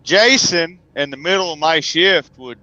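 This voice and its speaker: A truck driver appears as a guest, telling stories in a casual, folksy, joking way. His voice is on the high side and sharp in tone, his pace a little slow, and the recording sounds dry and dull.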